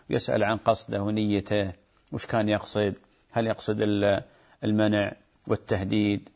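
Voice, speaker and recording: A man, a sheikh reading listeners' questions and giving measured religious advice, turning emphatic when he warns. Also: lowish voice, creaky. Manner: calm, measured, advising, grows emphatic when warning. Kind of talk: reading and answering fatwa questions.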